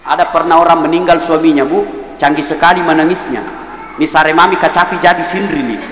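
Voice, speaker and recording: Makassar-accented guy preaching, jokey storyteller, high voice, roomy echoey hall. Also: brisk. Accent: Makassar Indonesian. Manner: lively storytelling, acts out locals, jokes. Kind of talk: humorous sermon.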